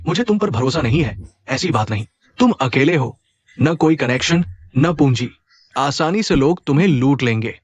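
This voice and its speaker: A man's voice: mid-range voice, lively intonation, moderate pace, no echo, highs cut off, close to an everyday voice. A man dubbing a fatherly, persuasive middle-aged shopkeeper in a drama. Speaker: uncle figure and business partner. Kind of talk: dubbed drama acting.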